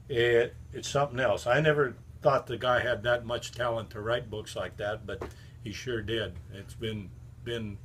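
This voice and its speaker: An older man tells stories about an old friend in a casual, folksy way. His tales ramble along with plenty of fillers and asides, and his voice sits at an ordinary middle pitch. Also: slight background noise. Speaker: friend giving a book endorsement. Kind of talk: casual storytelling.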